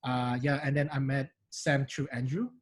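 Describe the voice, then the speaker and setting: A man's voice: medium pitch, fairly even intonation, normal speed, breathy edge, low-quality recording. A man from Indonesia with a mixed Singaporean and Indonesian accent, chatting animatedly as an interview guest with many restarts. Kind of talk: casual interview chat.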